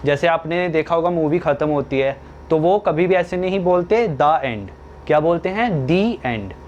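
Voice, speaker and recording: A young man teaching English grammar in a slow classroom style, asking questions and answering them himself. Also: a little high, steady tone, darkish tone, dull audio, slight background noise.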